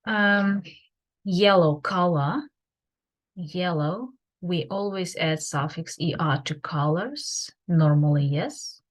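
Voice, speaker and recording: A woman gives an online grammar lesson, taking her time over each point. Her voice sits a little low, and she pauses often on fillers as she explains the rules deliberately. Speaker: English teacher. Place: home.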